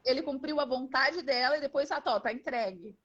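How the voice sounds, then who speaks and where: A woman host, chiming in quietly during an interview with short remarks. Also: high voice, fairly quick. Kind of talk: interview chat. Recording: muffled, distant from the mic.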